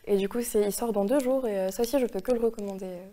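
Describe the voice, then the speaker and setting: A woman's voice: medium pitch, fast talker, mellow. A young woman who gives film tips as a columnist, speaking hesitantly with many fillers. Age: young adult. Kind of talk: casual chat.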